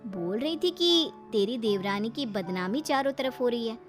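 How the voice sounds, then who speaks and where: A woman's voice: a little high, animated, moderate pace, soft background music, natural voice. A woman voicing an outspoken young elder daughter-in-law in a cartoon story, in a firm, indignant manner. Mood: questioning.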